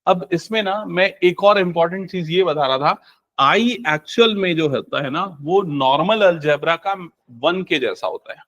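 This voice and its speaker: A man's voice: on the high side, normal speed, fairly bright tone. A young man teaching a live maths class, firing questions at students and answering them himself, mixing English terms into Hindi.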